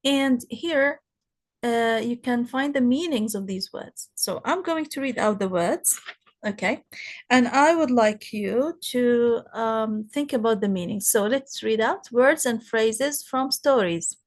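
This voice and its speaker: A woman teaching an English lesson, explaining slowly and asking her students questions as she goes. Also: fairly high pitch, expressive. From Palestine. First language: Arabic. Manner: slow, explaining, asks rhetorical questions. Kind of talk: recorded classroom lesson.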